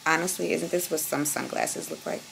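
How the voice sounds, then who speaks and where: Raspy, hoarse young woman vlogging. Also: low voice, steady tone, fairly quick. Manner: sassy, playful, slangy. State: hoarse, clearing her throat. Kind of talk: casual vlog chat to camera.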